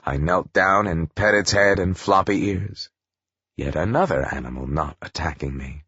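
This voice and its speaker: A man narrating a first-person audiobook in a wry, expressive storytelling manner. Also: low-pitched, moderate pace, slightly rough, no echo, muffled recording.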